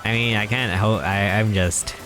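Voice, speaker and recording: A young man with a somewhat low voice talks casually on a live stream while he plays, rambling through mock-serious jokes and chuckling along the way. Game music plays clearly in the background. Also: fairly even intonation, normal speed. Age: 20s.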